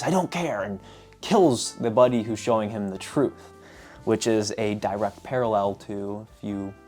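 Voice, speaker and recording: A man casually summarizing lessons from books, telling stories in an animated way with repeated filler phrases. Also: fairly low pitch. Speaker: book reviewer. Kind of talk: casual book summary vlog.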